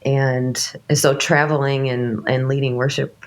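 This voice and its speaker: Her voice rumbling low with little pitch movement and a slightly slow pace, a woman in her late thirties who leads worship chats casually despite a cold. She rambles loosely, often restarting and using fillers.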